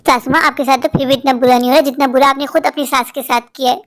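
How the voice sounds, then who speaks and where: A woman's voice: high-pitched, fairly even intonation, very fast. A woman voicing a bold, cheeky young daughter-in-law in a cartoon, who throws defiant retorts. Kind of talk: cartoon voice acting.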